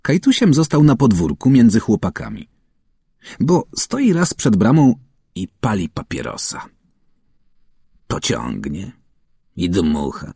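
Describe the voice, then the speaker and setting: A man reading a children's story aloud with expressive narration, acting out the characters' calls and shouts. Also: fairly low pitch, husky, no room sound, clean studio sound. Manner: acts out calls and shouts, varies voice widely. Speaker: audiobook narrator.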